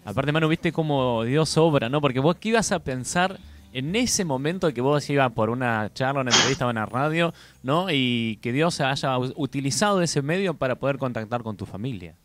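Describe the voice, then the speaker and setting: A man's voice: medium pitch, animated, normal speed, noisy background. A man with an Argentine accent hosts a radio interview, reacting with short words of encouragement. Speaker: radio host. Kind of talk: casual interview chat. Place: radio studio.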